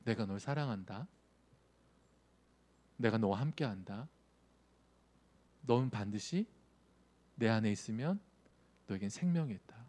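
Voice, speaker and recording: A pastor voicing Jesus as a gentle, loving man speaking softly and tenderly. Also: fairly low pitch, lively intonation, a little slow, long pauses, pitched below the performer's own voice.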